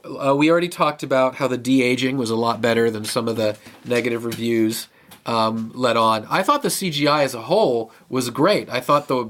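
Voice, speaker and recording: A man's voice: medium pitch, fairly bright tone. Chatty male podcast co-host. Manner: enthusiastic, rambling with restarts. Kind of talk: casual chat.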